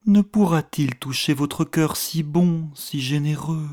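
A man voicing a scheming, fawning prince who talks in a soft, wheedling way, in an audiobook reading. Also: on the high side, slow. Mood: coaxing. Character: smooth, scheming middle-aged male prince, fawning.

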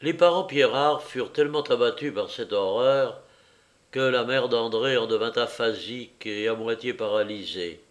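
A man reading a novel aloud as an audiobook narrator, in a measured, deliberate manner. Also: medium pitch.

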